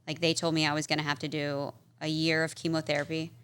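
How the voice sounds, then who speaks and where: Chatty woman with a bright, forceful voice. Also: sits low, fast, smooth. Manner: chatty, peppered with "like" and "um"; animated, acts out quoted people. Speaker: podcast guest. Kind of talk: casual storytelling interview. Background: interviewer's short backchannels.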